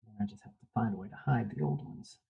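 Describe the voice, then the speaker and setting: A man's voice: fairly low pitch, quick pace, vocal fry, warm tone, husky, muffled recording. A man tattooing while he talks, mumbling casually with wry, sarcastic asides. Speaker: tattoo artist. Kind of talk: casual talk while working. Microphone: stand mic set for standing.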